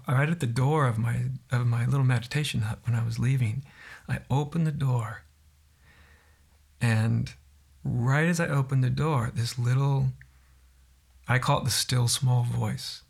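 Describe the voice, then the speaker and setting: A man recounting a personal experience in a reflective, halting, soft-spoken way, as a guest in an interview. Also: mid-range voice, fairly even intonation, vocal fry, breathy edge.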